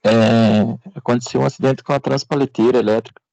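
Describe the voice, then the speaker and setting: A man student recounting an accident in an online class, hesitant and halting with fillers, over a video call. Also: medium pitch, steady tone, creaky, dark tone, no room sound.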